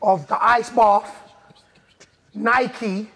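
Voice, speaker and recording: A man in his thirties with a London accent, hosting a quiz with lively, slangy banter. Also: high-pitched, drawn-out words, gravelly, breathy edge. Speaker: quiz host. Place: industrial indoor studio with metal walls, seated apart from contestants.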